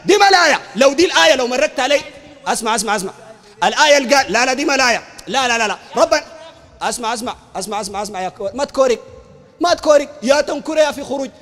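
A man with a Sudanese Arabic accent, a preacher arguing emphatically in a heated public debate, often shouting and repeating phrases. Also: extremely high pitch, lively intonation, very fast, long reverb tail. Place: university hall.

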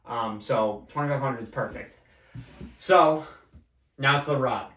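Young male host, relaxed chatty delivery, mid pitch, recorded from across an echoey room. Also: measured pace. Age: young adult. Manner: relaxed, chatty, many fillers. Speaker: fishing channel host. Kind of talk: casual gear walkthrough. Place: small indoor room at a table. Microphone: far camera. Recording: roomy echo, voice far from mic.

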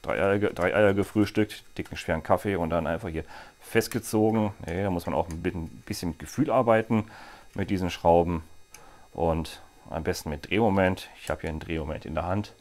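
A bike gear vlogger in his forties, with a deep, slightly mellow voice and a fairly quick pace, fits parts to a bike in a small workshop. His hands-on product demo is casual chat sprinkled with jokey asides.

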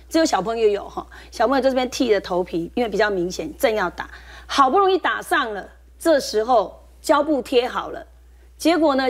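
A woman with a Taiwanese Mandarin accent, a nurse guest on a talk show, explaining briskly with a laugh now and then. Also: fairly high pitch.

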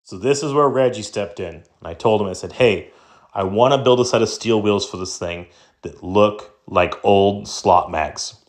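A man's voice: on the low side, moderate pace. Enthusiastic man narrating a truck build. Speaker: truck builder and channel host. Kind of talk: scripted voice-over narration.

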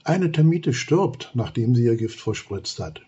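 A man reading a story, voicing an angry guard termite who speaks indignantly, in a husky voice. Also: medium pitch, expressive, unhurried, mellow, muffled recording. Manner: indignant, clipped.

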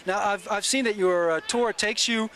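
Man, 30s, from the Netherlands, high voice, halting questions, outdoor interview, handheld mic. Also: a bit bright. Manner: hesitant, restarts questions. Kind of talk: documentary street interview. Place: outdoors at a public event.

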